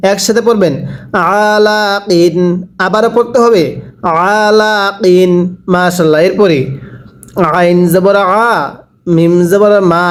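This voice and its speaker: Man, high voice, recitation teacher, slow letter-by-letter spelling, repetitive drilling, asks viewers to read along. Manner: slow, drawn-out spelling of each letter and vowel; repeats and urges viewers to read along aloud. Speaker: Quran reading teacher.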